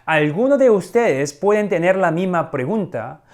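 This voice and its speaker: A middle-aged man preaching a sermon, teaching slowly and deliberately and asking rhetorical questions. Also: sits high, lively intonation, darkish tone. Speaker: pastor.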